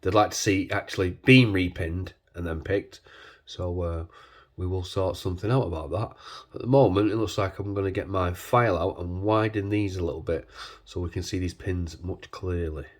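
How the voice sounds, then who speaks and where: Male video host, low and raspy with a man-flu cold, informal hands-on demo delivery, unscripted and halting. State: congested with a cold, under the weather with man flu. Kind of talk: casual hands-on lock-picking demonstration.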